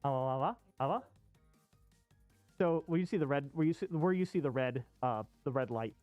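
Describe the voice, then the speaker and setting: Speaking from within a fursuit head indoors, this streamer rambles informally at a normal pace, their expressive mid-range voice coming through dull and muffled on an off-costume streaming mic. The recording has no room sound, just faint background music.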